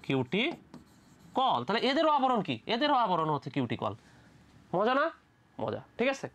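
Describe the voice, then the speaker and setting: A teacher from Bangladesh giving a lively medical admission biology lecture, repeating each question, answering it, and checking in with the students again and again. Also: medium pitch, a little slow, slight background noise. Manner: colloquial, playful asides.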